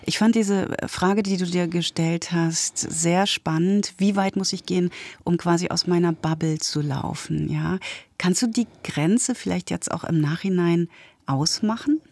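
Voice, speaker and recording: Woman interviewer, lowish voice, dry close sound, curious. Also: unhurried, a little mellow, dry recording. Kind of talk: interview questions.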